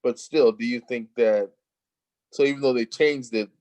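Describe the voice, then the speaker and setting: A man's voice: medium pitch, normal speed, a little mellow, no room sound. A man hosting a casual interview, agreeable and prompting his guest with short replies. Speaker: interviewer host.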